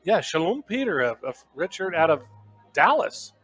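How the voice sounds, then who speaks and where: A man's voice: on the high side, very animated, normal speed, fairly bright tone, slightly rough, faint music behind. A man giving color commentary on a college football radio broadcast, opinionated and emphatic. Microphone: broadcast booth microphone.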